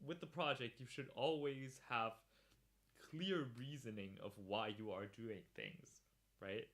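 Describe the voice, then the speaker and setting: A man's voice: mid-range voice, a little slow, a bit bright. A man hosting a livestream podcast, chatting casually, laughing often and reacting to viewers in chat.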